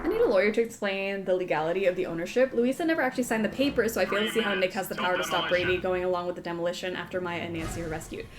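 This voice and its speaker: A woman's voice: fairly low pitch, very fast, few pauses, background noise. A woman giving casual game commentary as a streamer, with wry, joking asides. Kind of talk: casual game commentary with read-aloud game text. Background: game music.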